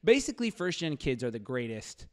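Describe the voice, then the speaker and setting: A man's voice: medium pitch, big pitch swings, fairly quick, darkish tone. Slangy man chatting on a podcast. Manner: slangy, rambling, lots of "like". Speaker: podcast host. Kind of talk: casual, animated podcast chat. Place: dark indoor podcast studio. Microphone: close podcast mic on boom arm.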